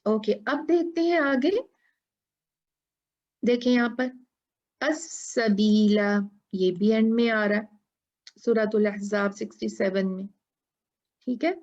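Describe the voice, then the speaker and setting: A woman teaching a tajweed lesson who explains patiently, asks her students questions and chants Quran verses in a drawn-out style. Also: fairly high pitch, a little mellow, dull audio.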